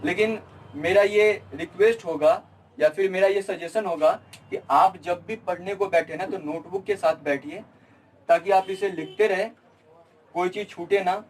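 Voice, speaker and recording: A man's voice: high-pitched, fairly even intonation, moderate pace, distant mic, rough recording. A young man teaching chemistry at a board, repeating his own questions and answering them. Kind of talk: classroom lecture at a board.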